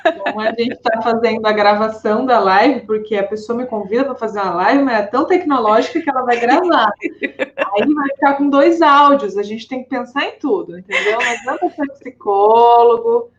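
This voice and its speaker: Woman guest chatting on a live, fairly high voice, muffled headset sound. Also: moderate pace. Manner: chatty, relaxed asides. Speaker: guest psychologist. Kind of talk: casual live-stream chat. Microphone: video call headset.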